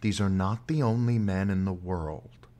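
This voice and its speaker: A man voicing an old mother and medicine woman who comforts her daughter calmly and steadily. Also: low voice, unhurried. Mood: soothing.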